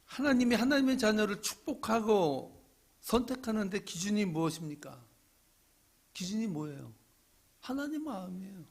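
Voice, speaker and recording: A middle-aged male pastor preaching a sermon, swinging from loud pleading questions to hushed asides. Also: high-pitched, expressive, moderate pace, breathy edge.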